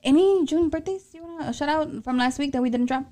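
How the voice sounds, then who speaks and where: Brisk and high-voiced with a dark tone, this podcast co-host is a woman in her late 20s, nearly thirty, with a Mexican American accent. She keeps the chat casual, cursing freely, laughing a lot and switching into Spanish.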